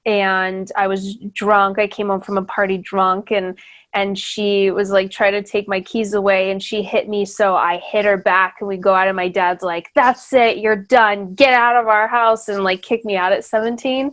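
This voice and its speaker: With a medium-pitched, slightly bright voice and fairly even intonation, a young woman chats casually as a podcast host at a normal speed. The interview-style talk is full of fillers and restarts, and she laughs readily.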